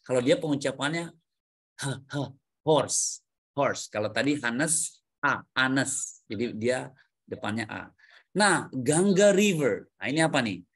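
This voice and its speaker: This online lesson features a man with a mid-range, slightly rough, somewhat bright voice, speaking animatedly at a slightly slow pace. He guides adult students through English grammar on video, drawing out their answers, echoing them back, and mixing English terms into what he says.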